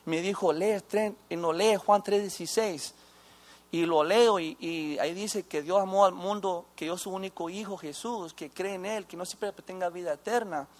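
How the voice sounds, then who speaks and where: High-voiced man, halting testimony. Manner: halting, with restarts and mixing in English phrases. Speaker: former inmate giving testimony. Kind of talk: personal faith testimony.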